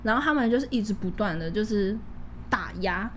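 A woman's voice: medium pitch, lively intonation, a little fast, slight background noise. A woman in her twenties with a Taiwanese accent, co-hosting a podcast and telling anecdotes in a playful, casual way. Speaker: podcast co-host.

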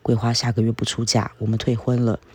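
A man reading a novel aloud, voicing a shrewd older village woman who gossips in a low, confiding way. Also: little pitch movement, fast, husky, close to an everyday voice.

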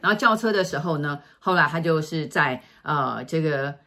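A middle-aged woman, telling a story in casual chat and acting out quoted lines in a hushed voice. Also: low voice, animated, moderate pace. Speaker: feng shui consultant telling stories.

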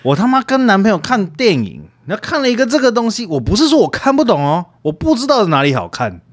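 A man's voice: high-pitched, huge pitch swings, fast. A man co-hosting a casual chat about movies, laughing often and restarting his sentences. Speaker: podcast co-host.

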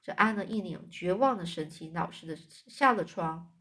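A woman's voice: fairly low pitch, animated, normal speed, sharp tone, slightly rough. A woman narrating a storybook aloud in a casual, chatty way, with fillers between phrases.

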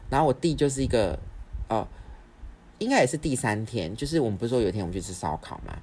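Fast-talking man telling a story. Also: mid-range voice, lively intonation, mellow, husky. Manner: rapid, rambling, with frequent restarts. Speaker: podcast host. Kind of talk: casual storytelling.

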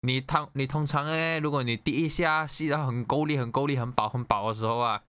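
Bright crisp-voiced man telling a story. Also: medium pitch, fairly quick, no room sound. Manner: animated storytelling, swears freely. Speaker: guest sharing a story. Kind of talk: casual chat.

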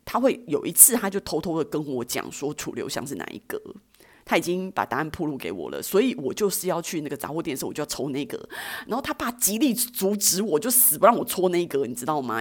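A woman, telling personal stories as a podcast host in a chatty, self-mocking way. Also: on the low side. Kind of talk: personal storytelling.

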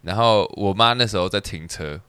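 A man co-hosting a casual podcast, telling a personal story in an animated way with quick restarts. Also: lowish voice, clean tone, dry recording. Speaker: podcast co-host.

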